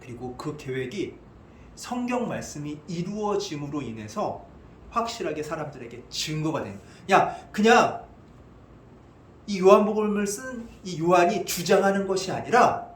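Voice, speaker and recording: A male pastor preaching an expository sermon, animated, asking the congregation questions and answering them himself. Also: sits high, normal speed. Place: church sanctuary. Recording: echoey church hall.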